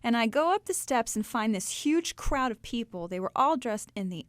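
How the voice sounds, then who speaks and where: A young woman from Ohio telling her faith story to a live audience in a lively, chatty way. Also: fairly high pitch, normal speed, no room sound. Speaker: speaker telling her testimony.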